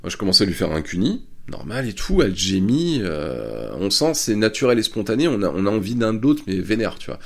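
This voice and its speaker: Male podcast host, gravelly low voice, lively swings in pitch, crude casual anecdotes. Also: brisk, hardly any pauses. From France. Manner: crude, chatty, laughing often. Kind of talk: casual storytelling. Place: Bordeaux area.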